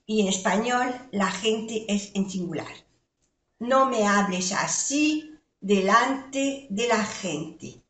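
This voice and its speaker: An older woman teaching a language lesson, patiently spelling out letters and repeating words slowly. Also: medium pitch, expressive, fairly bright tone. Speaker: French teacher. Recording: echoey room.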